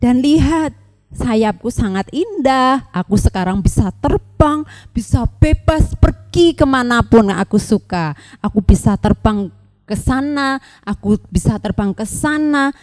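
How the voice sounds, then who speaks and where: A woman's voice: on the high side, expressive, measured pace, a little mellow, in a large hall. A woman voicing a kind butterfly that was once a cocoon, in a children's story. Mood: gentle.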